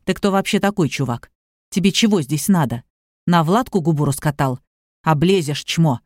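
A woman growling as a gruff, hot-tempered middle-aged father. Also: moderate pace, a little mellow, no room sound, clean studio sound. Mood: threatening. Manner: low threatening growl.

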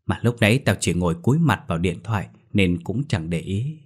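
A man's voice: sits low, animated, brisk, breathy edge. A man voicing a blunt young man who is helping search for a missing child. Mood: puzzled.

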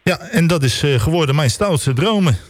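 A man's voice: a little high, lively intonation, moderate pace. A man hosting a local radio show, introducing a song and a phone guest with many hesitant fillers. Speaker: radio host. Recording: radio studio with music underneath.

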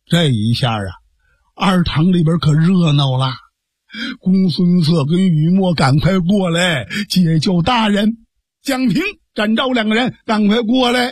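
A male storyteller, narrating a traditional tale in pingshu style. His delivery is lively and dramatic, the voice high and husky, heard close in a dry, unechoing sound. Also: unhurried, no echo.

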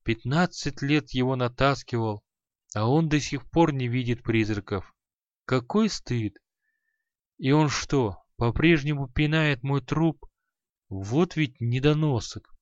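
A man's voice: medium pitch, slow, no echo, close to an everyday voice. A man voicing a grumpy, spiteful dead old sorcerer who mutters and scoffs at his pupil, on a dull, dry audiobook recording. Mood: angry. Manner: grumbling, scornful, muttering.

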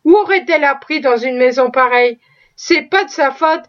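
Woman reader as a talkative, pious cook with a high voice, folksy and full of exclamations, on a dull lo-fi recording. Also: moderate pace, natural voice. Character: proud, chatty, pious female cook.

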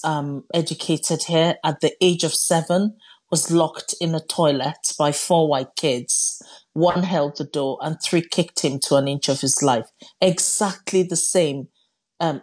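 A woman's voice: deep voice, darkish tone. A middle-aged woman speaking emphatically and with passion in a live radio interview. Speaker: interviewed campaigner, chief executive and professor.

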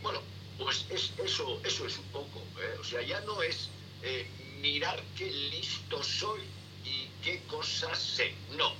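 Middle-aged man, sailing instructor, halting speech, lots of fillers, distant from the mic, noisy line. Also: on the high side, animated. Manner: halting, many fillers and repeated "¿eh?". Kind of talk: rambling interview answers.

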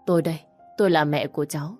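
A woman's voice: deep voice, steady tone, rapid-fire, a little mellow, faint music behind. A woman voicing a distraught middle-aged mother in an audio story. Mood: worried.

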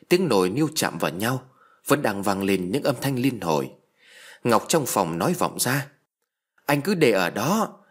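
A man reading a ghost story aloud with measured suspense. His voice is slightly husky, mid-pitched, and swings widely in pitch as he builds tension. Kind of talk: scripted ghost story narration.

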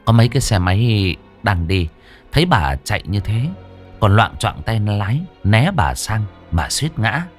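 Give me a lively male ghost story narrator. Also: lowish voice, measured pace. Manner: dramatic, expressive. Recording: dry studio voice with faint music.

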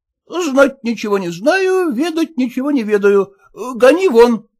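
Reader putting on a fussy stingy young husband, bossy and blustering, raised lively voice, storybook. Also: high voice, a little slow.

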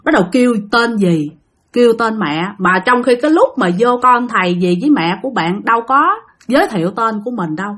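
Lively woman storyteller. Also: a little high, brisk. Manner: dramatic, addresses listeners directly. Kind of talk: spoken ghost story narration.

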